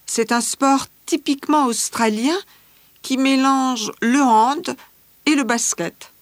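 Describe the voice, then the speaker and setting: A woman voicing a cheerful teenage schoolgirl who loves fashion, answering interview questions in a scripted exam dialogue with measured, careful delivery. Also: high-pitched, dry recording. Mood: calm chatty.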